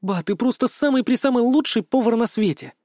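A man voicing a lively, cheeky teenage granddaughter in an audiobook, with a bold, teasing way of talking. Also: extremely high pitch, a little fast, no echo, studio quality, pitched above the performer's own voice. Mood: delighted. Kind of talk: audiobook character voice.

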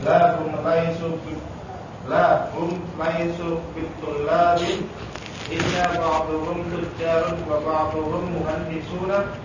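Student man reading flatly from afar. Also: a little high, slow, background noise. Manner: reading aloud and translating. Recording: distant echoey muffled room recording.

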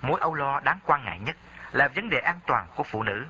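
A man reads a memoir in a reflective tone, with a very bright, lively voice that rises and falls often. The recording is dull and lo-fi, with a faint hiss behind it. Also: medium pitch, a little fast. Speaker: narrator. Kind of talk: memoir audiobook reading.

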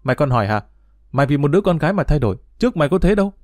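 A man's voice: fairly high pitch, big pitch swings, very fast, no echo. A man voicing a tough, hot-tempered teenage schoolboy who scolds bluntly, recorded dry. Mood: angry.

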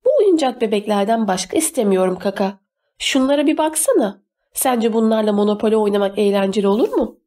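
A woman's voice: mid-range voice, fairly quick, dark tone, lightly acted. A woman voicing a bossy, spoiled young girl who talks down to everyone with a sneer in her words. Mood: scornful bossy. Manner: sneering, demanding.

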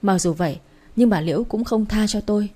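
A woman narrating a first-person family story as an audiobook, in a steady, earnest reading. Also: mid-range voice, a little fast.

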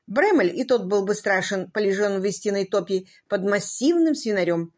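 A woman narrating an audiobook in an expressive, wry manner. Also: mid-range voice, normal speed.

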